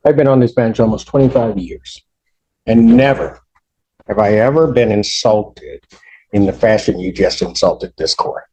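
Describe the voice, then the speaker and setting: On poor audio, a middle-aged judge speaks in a voice on the low side and a little mellow. He addresses the court sternly, lecturing with measured emphasis.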